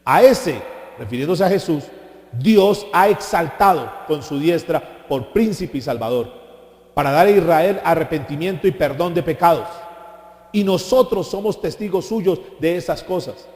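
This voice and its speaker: A pastor delivering a sermon, animated, asking his congregation questions and mimicking people. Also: on the high side, measured pace. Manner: animated preaching with rhetorical questions and mocking impressions. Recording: echoey hall.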